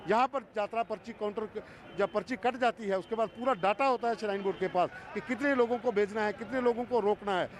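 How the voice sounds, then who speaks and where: A man's voice: high-pitched, fast. A male field reporter giving an emphatic, explanatory live report from outdoors. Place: outdoors at a busy pilgrimage town. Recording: outdoor crowd noise. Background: crowd.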